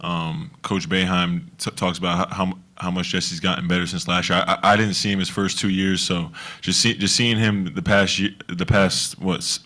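A man's voice: low voice, flat delivery, moderate pace, hardly any pauses, bright, forceful tone. A young man, a college basketball player, speaking earnestly at a press conference table microphone, often repeating words. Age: young adult.

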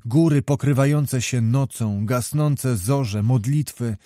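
Male audiobook narrator, even and unhurried, mid pitch, dry studio sound. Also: no room sound.

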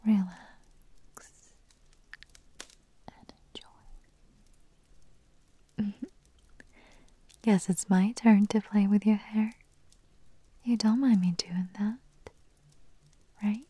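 A woman voicing a playful, teasing witch matchmaker in an ASMR roleplay, whispering softly and giggling. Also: mid-range voice, steady tone, extremely slow, pauses often, husky, no echo.

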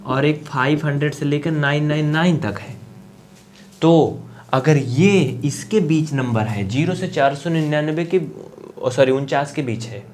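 Coaching class में समझाते मास्टरजी. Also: male voice, a little high, a little mellow, slight background noise. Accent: eastern Uttar Pradesh Hindi. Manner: chatty, coaxing, asks students to answer. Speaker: maths teacher. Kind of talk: live online maths class.

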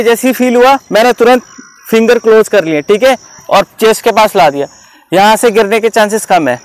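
A man with a fairly high voice coaches students outdoors on how to take catches. He explains each step patiently and keeps checking that they have understood. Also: poor audio. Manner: instructive, repeatedly checks understanding. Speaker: cricket coach.

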